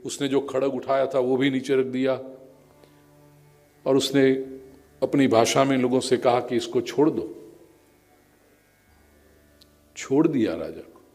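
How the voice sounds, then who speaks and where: A man telling a devotional parable as a sermon, animated, raising his voice as he acts out the characters' cries. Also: medium pitch, measured pace, creaky, long pauses, faint music behind. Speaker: spiritual storyteller. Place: large outdoor or hall religious gathering.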